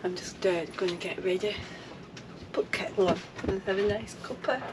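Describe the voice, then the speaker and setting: With a medium pitch and normal speed, a vanlife vlogger from England talks casually to the camera, her dogs and her audience. The scene moves from inside her motorhome to a seafront promenade, with background noise throughout.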